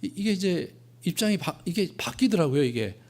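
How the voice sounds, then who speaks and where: A middle-aged male pastor giving a sermon, telling stories and acting out prayers, swinging between hushed and loud. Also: high-pitched, expressive, normal speed.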